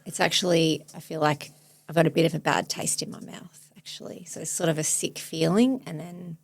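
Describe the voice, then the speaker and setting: A woman in her forties, a therapist hosting a podcast, speaking thoughtfully and searchingly in a soft, reflective way. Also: deep voice, steady tone, fairly quick, creaky, dry recording. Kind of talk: reflective therapy demonstration chat.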